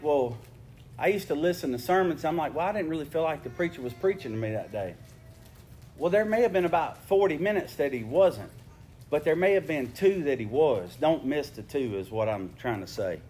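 A man's voice: on the high side, a little mellow. A man preaching a sermon, earnest and conversational, often repeating words as he restarts, then reading scripture and praying. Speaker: pastor. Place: church sanctuary.

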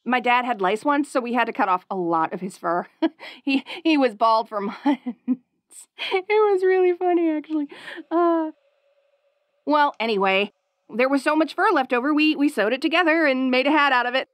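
A woman voicing a perky, curious young wolf girl in an audio role-play, bubbly, giggly and rambling excitedly as she talks to the listener. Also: high voice, moderate pace, no room sound. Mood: bubbly, chatty.

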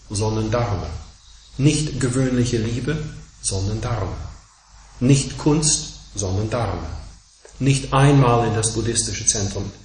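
A man giving a dharma talk as a Buddhist teacher, emphatic and measured, driving his points home through insistent repeated contrasts. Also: mid-range voice, a little mellow, a little hiss or hum. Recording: echoey room.

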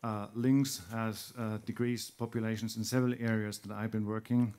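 Hesitant low-voiced man on a panel. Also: flat delivery, normal speed, a little mellow, clear, resonant tone. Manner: hesitant, frequent ums. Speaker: panelist, former gamekeeper. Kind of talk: panel discussion contribution. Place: conference hall stage, indoors.

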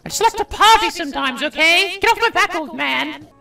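A man voicing a brash, cocky young female warrior ghost in a teasing falsetto. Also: expressive, a little fast, vocal fry, pushed and bright, soft background music, exaggerated voice. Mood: sassy.

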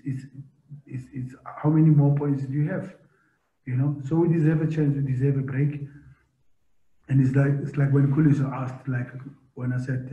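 A middle-aged man, a football coach answering post-match press questions in an emphatic way, repeating words and asking rhetorical questions, over a video call. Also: mid-range voice. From South Africa. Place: press room in front of sponsor board. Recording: echoey, tinny video-call audio.

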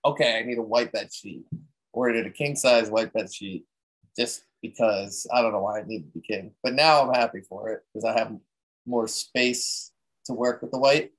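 A man's voice: mid-range voice, fairly bright tone, poor audio. A man giving a casual, rambling talk that explains a photography technique, with many fillers and restarts.

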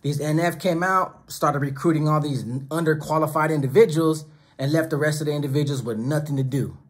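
This middle-aged man runs his own YouTube channel and delivers direct-to-camera commentary from a desk in a small home studio with monitors and speakers, close to the camera. His voice is a little high and slightly rough, with fairly even intonation, and he talks fairly quickly in an emphatic, preachy style, stacking phrases in lists.

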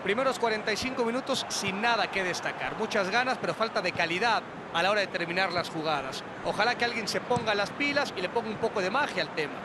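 A measured male football analyst in a sports video game. His voice is high, set against loud stadium noise. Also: expressive. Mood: analytical. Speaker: co-commentator, match analyst.

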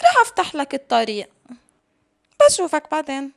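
A woman's voice: high voice, wildly swooping pitch, fairly quick, creaky, exaggerated voice. A woman voicing a friendly, chirpy little female bird in a children's shadow puppet show. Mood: helpful.

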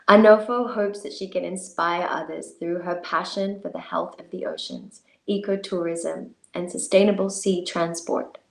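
A woman's voice: lowish voice, gravelly. A woman in her thirties reads a scripted introduction as host of an online event, over a webcam. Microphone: webcam on a video call. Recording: roomy video-call audio.

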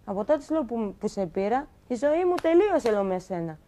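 Young woman, talk-show guest, animated storyteller who acts out quoted lines; fairly high voice. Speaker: guest telling her story. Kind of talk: emotional personal account on a talk show.

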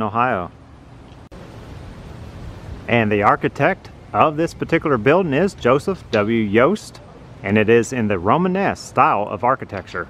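A man narrating a walking tour outdoors on a city sidewalk, explaining things slowly and plainly as he films with a handheld phone. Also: medium pitch, fairly bright tone, slight background noise. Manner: slow, plain, informative. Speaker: vlogger touring a building. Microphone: handheld phone camera.

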